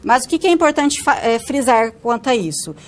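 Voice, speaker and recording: A woman's voice: on the high side, lively intonation, brisk. A woman with a northern Paraná Brazilian accent giving a recorded phonetics lecture, explaining step by step and often checking in with tag questions. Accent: Brazilian Portuguese, northern Paraná. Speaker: phonetics teacher.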